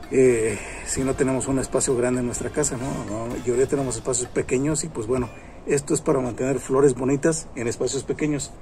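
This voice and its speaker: A man's voice: mid-range voice, warm tone. A man in his thirties hosting a casual gardening tutorial outdoors in a garden, chatty and repetitive, with many fillers as he talks to the camera. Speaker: gardening channel host. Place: outdoor garden among plants.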